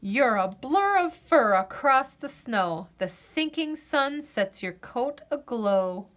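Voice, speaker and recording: Reading a picture book to children, this female storyteller speaks in a slightly high voice. Her delivery is soft and expressive, broken by purposeful pauses for drama.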